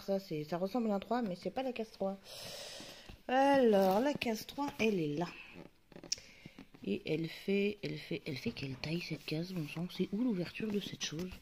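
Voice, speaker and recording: A woman's voice: medium pitch, noisy background. A woman chatting casually to her viewers as she opens advent calendar doors, muttering asides and talking to the camera's focus. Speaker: YouTuber unboxing advent calendars. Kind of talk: casual chat.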